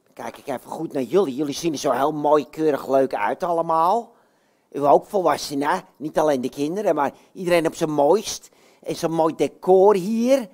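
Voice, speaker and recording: A puppeteer voicing a boastful, cheerful male puppet hero who exclaims loudly and talks straight to the children. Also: medium pitch, moderate pace, pitched below the performer's own voice, close to an everyday voice. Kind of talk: puppet show. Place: bookshop, indoors.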